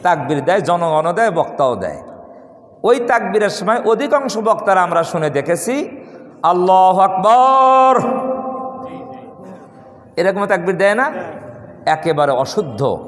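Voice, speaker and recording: A man's voice: sits high, expressive. A man from Bangladesh giving a Friday sermon as imam in a mosque, often posing questions for the congregation to finish and drawing out sample recitations. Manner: rhetorical questions the congregation completes, drawn-out demonstrations of recitation. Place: large mosque prayer hall. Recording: echoey hall with long reverb.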